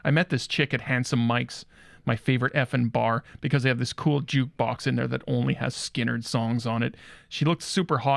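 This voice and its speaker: A man's voice: mid-range voice, vocal fry, no echo, clean studio sound, lightly acted. A man playing a crude, cocky guitar store owner who brags about rock and says 'effing' in place of swears. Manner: swaggering, swaps swears for 'effing' and 'F'. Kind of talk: comedy character monologue.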